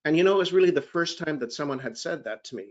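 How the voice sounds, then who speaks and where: A man's voice: fairly high pitch, expressive, quick pace. Rambling male panelist on dull lo-fi audio. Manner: rambling, self-deprecating, with restarts. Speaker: gemology writer and panelist. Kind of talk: anecdotal career storytelling.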